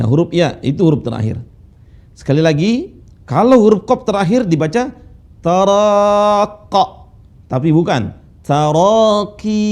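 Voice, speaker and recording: A man teaching Quran recitation rules, patiently drilling students with slow, drawn-out recited phrases. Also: on the high side, dark tone. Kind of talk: tajwid lesson with recitation drills. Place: classroom studio with whiteboard.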